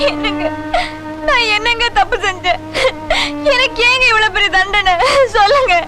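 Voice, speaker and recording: A woman's voice: very high voice, brisk. An actress playing a heartbroken young wife who begs her husband through tears, in a film soundtrack with music. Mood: tearful. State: crying. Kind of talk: film drama dialogue.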